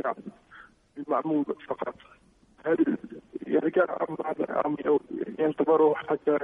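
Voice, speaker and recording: A man calling in to a radio show over a poor, garbled phone line, asking questions in a halting, hesitant way. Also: a little high, breathy edge. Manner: hesitant, halting, many fillers. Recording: tinny distorted phone line.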